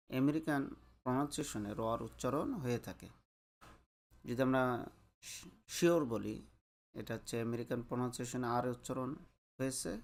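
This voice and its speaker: Slow, deliberate male English tutor. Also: medium pitch. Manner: slow, deliberate, drawn-out letter sounds; mixes English phrases into explanations. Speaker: English teacher. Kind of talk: pronunciation lesson.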